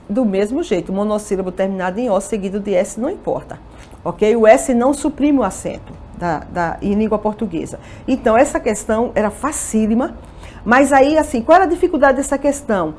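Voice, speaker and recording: A woman's voice: on the high side, a little mellow. Woman teaching grammar. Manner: explanatory, poses questions and answers them herself; checks in often with "ok?" and "tá vendo?". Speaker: Portuguese teacher. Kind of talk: exam-review lesson.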